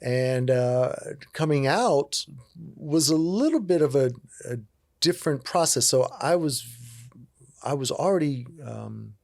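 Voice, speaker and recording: A man in his fifties from Virginia, a guest telling his life story in a relaxed, candid, self-joking way. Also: mid-range voice, unhurried, vocal fry, dry recording, clean studio sound. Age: 50s. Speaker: interview guest. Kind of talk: casual storytelling conversation.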